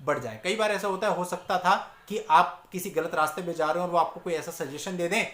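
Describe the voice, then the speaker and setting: A man with a high-pitched voice lectures like a lawyer handing out hard advice. He sounds preachy and direct and calls the viewers his friends. The room gives his voice a roomy echo. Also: brisk, a bit bright. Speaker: lawyer giving legal advice. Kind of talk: direct-to-camera advice talk.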